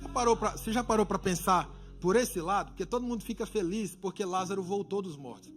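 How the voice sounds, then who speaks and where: A man preaches a sermon in a church, his voice pitched high for a man. He drops to hushed, conversational asides, then rises into loud exhortation. Faint music plays underneath. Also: brisk. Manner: preaching with swings from hushed to loud, acting out people. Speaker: pastor.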